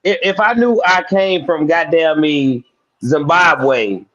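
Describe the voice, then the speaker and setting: A man's voice: fairly high pitch, slow, a bit bright, lo-fi sound. A man on a podcast panel makes his case in a heated debate. He talks emphatically, swears freely and circles back on his own words to drive each point home. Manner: emphatic, profane, repeats himself. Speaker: panel guest.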